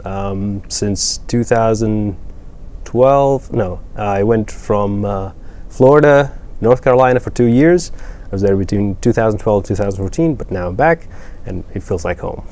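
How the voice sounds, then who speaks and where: A man's voice: lowish voice, a little slow, darkish tone. A man from Greece with a Greek accent, a math professor answering interview questions in a thoughtful, advising way with many fillers.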